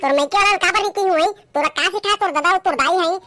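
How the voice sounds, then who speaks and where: A woman's voice: very high-pitched, over loud music. A woman voicing a lazy young village man from a comic skit, grumbling and making excuses in a Chhattisgarhi accent. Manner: whiny, grumbling, quick to complain.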